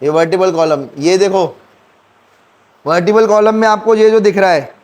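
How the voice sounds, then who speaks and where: High-voiced teacher quizzing his class. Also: fairly even intonation, moderate pace, darkish tone. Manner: quizzing students, counting bones aloud. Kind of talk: classroom lecture with call-and-response questions.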